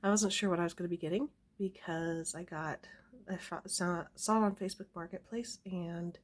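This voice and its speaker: A young woman with a lowish, fairly even voice chats at a moderate pace at home, showing an item to her camera. She's a homesteading vlogger doing casual show-and-tell indoors, chatty and giggly with plenty of fillers and small laughs.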